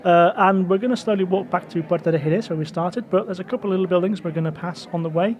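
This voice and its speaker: High-voiced man giving a walking tour. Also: quick pace, a little mellow, slight background noise. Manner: chatty, digressive, full of fillers. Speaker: podcast host and tour guide. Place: outdoors on a city street.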